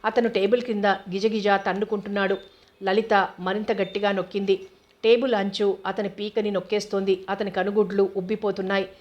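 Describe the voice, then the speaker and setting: A woman narrating a novel aloud at a steady, measured pace. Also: mid-range voice. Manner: steady, even reading. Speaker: audiobook narrator. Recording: dull lo-fi recording.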